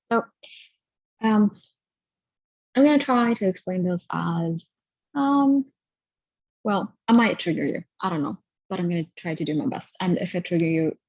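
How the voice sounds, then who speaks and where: A woman hosting a guided healing session over a video call, talking haltingly and stopping to gather her thoughts. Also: lowish voice, a little mellow, no room sound. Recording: dull lo-fi audio.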